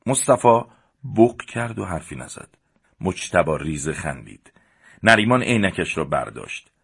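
A man's voice: big pitch swings, gravelly, breathy edge. A man narrating a story as an audiobook. He reads plainly and raises his voice for the characters' lines. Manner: reads plainly and shifts up in pitch and loudness for the characters. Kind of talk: audiobook narration voicing the dialogue.

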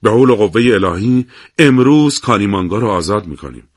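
A man voicing a calm male field commander who gives steady orders over a radio, in a husky voice. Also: on the low side, dry recording, studio quality.

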